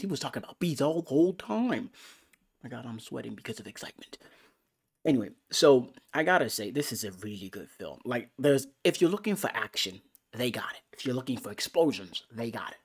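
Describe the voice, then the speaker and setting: A man giving a casual, excitable movie review, full of profanity and swinging between loud outbursts and hushed whispers. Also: mid-range voice, slightly rough.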